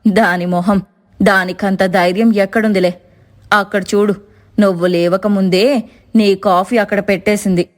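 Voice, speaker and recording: A woman voicing a sharp-tongued older mother-in-law in a cartoon story, talking gruffly and dismissively. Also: medium pitch, flat delivery, normal speed, pauses often, pitched below the performer's own voice, lightly acted. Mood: scoffing. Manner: gruff, scoffing.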